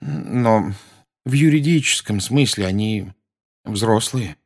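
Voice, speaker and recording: A man with a husky voice reading aloud, voicing a mild middle-aged father wizard who sounds tired and patient. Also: on the low side, slow pace, heavily acted. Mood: weary.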